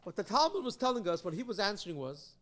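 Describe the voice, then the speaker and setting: A man's voice: high-pitched, very animated, quick pace, a bit bright. A man, a rabbi, teaching a Torah class, explaining texts and reading them aloud with strong emphasis.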